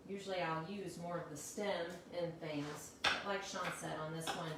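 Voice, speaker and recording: A chatty woman co-hosts a home cooking demo and walks through each step in a fairly low voice. She is recorded from a distance in a very echoey kitchen. Clattering dishes and pans can be heard clearly behind her. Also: steady tone, normal speed. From Missouri, United States. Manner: chatty, laughs often, explains steps warmly. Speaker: cooking show co-host. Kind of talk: casual cooking demonstration. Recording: echoey kitchen, mic far off, loud kitchen noise.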